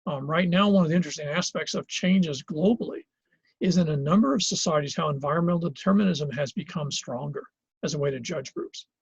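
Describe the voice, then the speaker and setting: A man's voice: fairly high pitch, brisk, gravelly, slightly rough, no room sound, highs cut off. A man teaching a college geography class in Hawaii, lecturing conversationally with lots of fillers and restarts. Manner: conversational, thinks aloud with many fillers and restarts.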